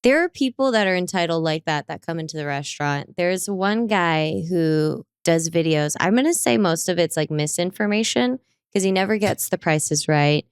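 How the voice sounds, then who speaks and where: Young woman podcast cohost, lowish smooth voice, dry close mic, animated storyteller. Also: normal speed, dry recording. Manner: animated storyteller, acts out quoted people. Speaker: podcast co-host. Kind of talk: casual chat.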